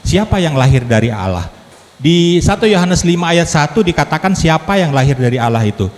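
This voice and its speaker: A man's voice: a little high, sing-song, a little fast. A man in his fifties preaching as a lay speaker to a congregation, chatty and joking, drawing the audience in with questions. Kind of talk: sermon with humor. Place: church hall. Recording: echoey hall, faint background noise.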